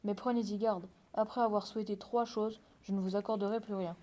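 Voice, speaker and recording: A woman reading the part of a fairy who grants wishes, calm and solemn. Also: mid-range voice, fairly quick, a little hiss or hum, lightly acted. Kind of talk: read-aloud fairy tale dialogue.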